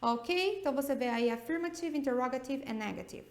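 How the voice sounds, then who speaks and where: A woman's voice: high-pitched, animated, fairly quick. A woman with a Brazilian Portuguese accent teaching an English grammar video lesson, explaining step by step and checking in often with her students. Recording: echoey room.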